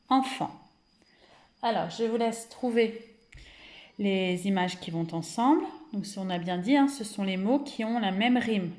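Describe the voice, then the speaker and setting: A woman with a French accent teaches small children over a recording, drawing out every syllable at a very unhurried pace. She praises often and sounds like she is in a roomy, echoing space. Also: a little high. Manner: slow, deliberate, stretches out words and syllables. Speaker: kindergarten teacher. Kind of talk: remote phonics lesson for young children.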